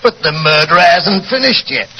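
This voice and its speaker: Earnest Inspector Lestrade, animated English voice. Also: male voice, fairly high pitch, moderate pace. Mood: urgent pleading. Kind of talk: 1940s radio drama acting. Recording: dull, noisy 1940s radio recording.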